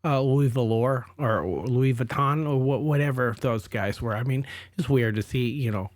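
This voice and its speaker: A man's voice: mid-range voice, fairly even intonation, moderate pace, dry recording, clean studio sound. A man playing a rambling interview guest in a comedy podcast, stammering and repeating words.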